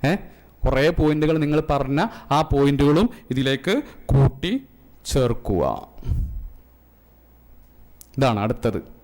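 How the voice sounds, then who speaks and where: A man's voice: mid-range voice, big pitch swings, takes it slowly, pauses often, a little mellow. A man with a Malayali accent teaching an emotional intelligence class, questioning the audience and joking. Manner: asks the audience questions and jokes. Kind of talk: interactive classroom lecture. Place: community centre classroom.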